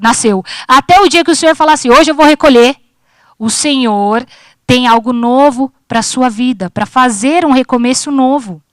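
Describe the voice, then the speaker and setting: Woman, thirties, informal church sermon, slightly high pitch, chatty joking delivery, dry sound. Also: normal speed, no echo. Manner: chatty and joking, acts out her talks with God. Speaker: preacher at a church youth service. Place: church service.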